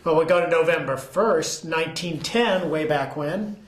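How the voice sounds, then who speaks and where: A folksy man reads old newspaper items with a joking, easygoing delivery. His voice sits high for a man. The room around him has a noticeable echo. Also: normal speed. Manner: folksy, jokey, acts out quotes. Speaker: co-host. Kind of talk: reading old news with banter. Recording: echoey room.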